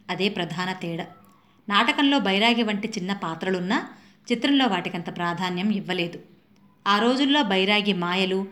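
A woman's voice: mid-range voice, a bit bright. A woman reading a short review of a classic play and its film, lifting her voice for quoted dialogue.

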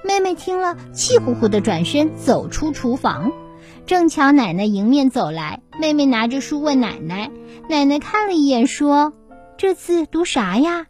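A woman with a high, lively voice reads a children's essay like a storybook, rising and falling with every turn. Soft music runs faintly underneath. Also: moderate pace. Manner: animated, expressive storytelling. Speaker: children's essay reader and host.

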